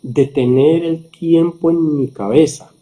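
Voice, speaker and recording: A middle-aged man, a surgeon, calmly explaining in a conversational interview, slowing down for emphasis. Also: fairly high pitch. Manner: calm, explanatory, slows down for emphasis. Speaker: surgeon and podcast guest.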